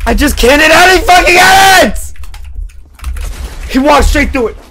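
A man's voice: very high voice, expressive, unhurried, bright, forceful tone, slight background noise. A man streaming video games, a raging gamer who screams and swears at the game. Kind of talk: live game stream outburst.

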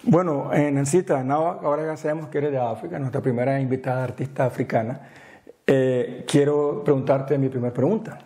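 A man's voice: medium pitch, steady tone, brisk. A middle-aged man hosting a studio interview, chatty and friendly, asking questions and now and then slipping in an English word. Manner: warm, chatty questions with a little English mixed in. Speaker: interview host. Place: small indoor studio, seated. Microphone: lapel mic.

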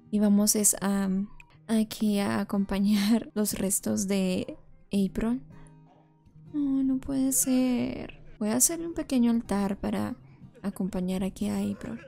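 A woman's voice: mid-range voice, vocal fry, mellow. A woman giving chatty, emotional commentary while playing a life simulation game and talking to her viewers. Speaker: Sims let's-play creator. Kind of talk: casual gameplay commentary.

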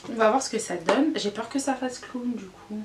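A woman's voice: on the high side, moderate pace. A woman beauty vlogger giving a casual, candid makeup review, chatty and full of fillers and groaning exclamations. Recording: echoey room, faint noise.

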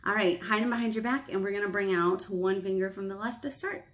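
Her voice is medium-pitched, fairly quick and a bit bright. She is a children's librarian in her thirties leading storytime in a small library room, addressing preschoolers directly with questions and simple explanations.

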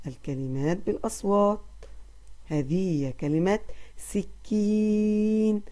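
A woman teaching a recorded lesson to small children. Her voice is mellow and warm and sits a little low. She praises them gently and stretches out sounds for them to repeat. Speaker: kindergarten Arabic teacher.

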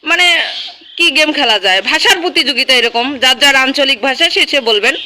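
A woman from Rangpur with a Mymensingh Bengali accent who talks with lively confidence in a comedy sketch. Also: sits high, moderate pace. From Rangpur, Bangladesh. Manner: lively, confident, proudly speaks her dialect. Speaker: sketch participant.

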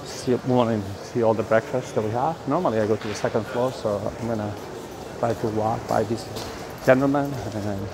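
A middle-aged man from Spain, chatty and excitable, giving a casual walking vlog tour of a cafeteria, filmed on a phone at arm's length. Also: mid-range voice, vocal fry. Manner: chatty, excitable, lots of fillers. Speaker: vlogger touring the food halls. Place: indoor cafeteria and dining hall. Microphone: phone camera at arm's length. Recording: noisy phone recording.

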